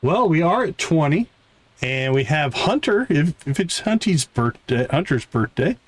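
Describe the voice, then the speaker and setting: A livestream host playing a farming video game gives playful, chatty commentary, talking to both the characters and his viewers. His slightly high voice is very animated and a little slow. There's no echo.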